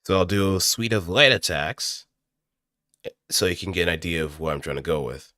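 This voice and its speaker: An amateur voice actor with a deep, animated voice gives a casual, improvised voice acting tutorial, explaining briskly. Recorded crisp and dry on a close studio microphone through an audio interface, with no room sound.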